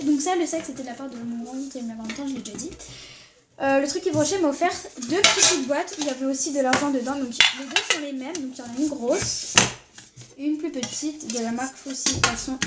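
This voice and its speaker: A high-voiced woman chats to camera as a vlogger, excitable and gushing, filling her talk with little fillers. A steady hiss of noise sits under the recording. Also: a little fast. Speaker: vlogger showing Christmas presents. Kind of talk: casual chat to camera. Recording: noisy background hiss.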